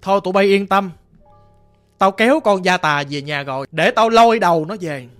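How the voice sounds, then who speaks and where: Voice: mid-range voice, expressive, moderate pace, fairly bright tone, faint music behind, natural voice. A narrator voicing an old male village exorcist in a Southern Vietnamese accent, blunt and commanding in a ghost story. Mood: assured, gruff. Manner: blunt, commanding, self-assured.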